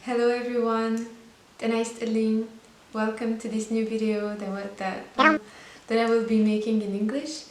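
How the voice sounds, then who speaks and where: This Belgian vlogger in her twenties, a native French speaker, has a fairly high, steady voice and a moderate pace. In her casual monologue to camera she chats earnestly about her life, restarting now and then, in an echoey room with faint hiss.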